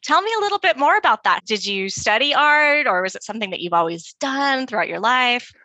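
A woman's voice: fairly high pitch, expressive, a little fast, sharp tone, dry recording. A woman hosting a podcast interview, enthusiastic and full of exclamations. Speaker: podcast host.

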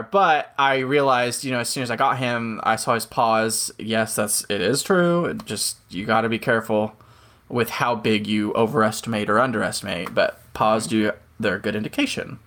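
A man co-hosting a casual podcast, wandering through a long story full of tangents and quick jokes. His voice sits at an ordinary middle pitch, relaxed and conversational. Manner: rambling storyteller, jokey asides. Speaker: podcast co-host. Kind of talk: casual chat.

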